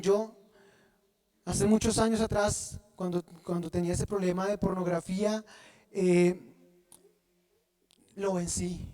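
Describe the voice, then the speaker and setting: A man preaching a sermon, often pausing to have the congregation fill in the word, and restarting phrases as he goes. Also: high voice, a little mellow. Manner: asks the congregation to fill in words. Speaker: pastor.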